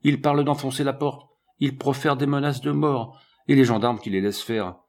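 A man's voice: medium pitch, fairly even intonation, moderate pace, darkish tone, pitched above the performer's own voice, lightly acted. A man doing a fussy, nervous old scientist. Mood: alarmed.

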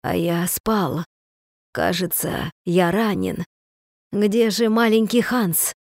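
A woman voicing a frail bedridden man just waking from a long sleep, speaking weakly and slowly in a lowered voice. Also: no room sound, studio quality, lightly acted. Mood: weak, dazed. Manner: weak, slow, halting speech.

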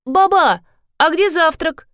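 A woman's voice: extremely high pitch, slow, a bit bright, no echo, clean studio sound, voice pushed up, full character voice. A woman reading an audiobook, voicing a cheeky, mocking teenage girl in a raised, sassy voice. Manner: sassy, sarcastic. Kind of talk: audiobook character voice.

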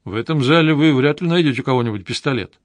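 A man's voice: medium pitch, fast, no echo, natural voice. A shy, polite young man who talks modestly and a bit bashfully, as a male narrator reads him. The sound is dry and close.

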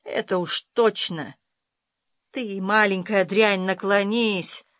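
A reader voicing a stern, threatening father who speaks low and quietly in a storybook. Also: fairly quick, dry recording, studio quality, natural voice. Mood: slow threat. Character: stern menacing father, adult man.

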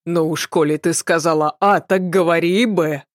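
A woman's voice: on the low side, steady tone, normal speed, no room sound, studio quality, natural voice. A woman reading a sly, wary young apprentice. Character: sly young male apprentice, guarded and feigning.

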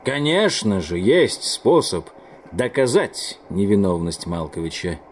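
Male reader doing a low, smug older doctor, measured and coaxing. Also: sing-song, slight background noise. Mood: calm.

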